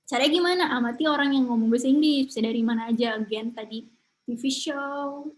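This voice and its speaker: A woman's voice: high-pitched, fast, rough recording. A young woman teaching an English speaking class in a casual, chatty way, dropping English words into her talk. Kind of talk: casual online lesson.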